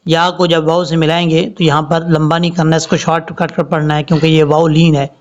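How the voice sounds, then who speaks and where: A man with a high voice teaches Quran recitation one word at a time. He draws each word out slowly and then explains the rules in plain speech. The recording sounds dull and lo-fi. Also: monotone. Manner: slow drawn-out recitation between plain explanations.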